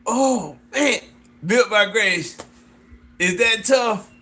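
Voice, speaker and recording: Speaking very slowly in a high-pitched, bright and forceful voice, a fashion designer chats casually with viewers to pitch his clothing brand. His delivery is loose and repetitive, punctuated by whoops, laughs, and repeated calls of "sis."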